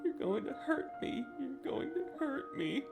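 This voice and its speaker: Man acting out a high, sobbing, terrified double. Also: lively intonation, unhurried, vocal fry, loud music behind the voice, full character voice. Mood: hysterical sobbing. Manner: repetitive, panicked pleading. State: crying. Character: sobbing, terrified doppelganger of a man, pleading pitifully.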